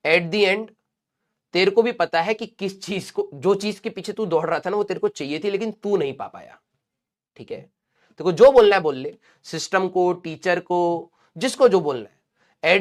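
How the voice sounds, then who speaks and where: A male teacher who is unwell and talks slowly, lecturing and scolding his students in a live class with a Hindi accent. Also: sits high. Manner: scolding and advising students, addresses them as beta.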